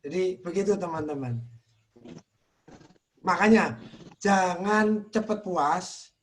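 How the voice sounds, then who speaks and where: An Indonesian man teaching in a religious study talk, earnest, softly repeating phrases for emphasis. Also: high voice, takes it slowly. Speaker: Islamic teacher.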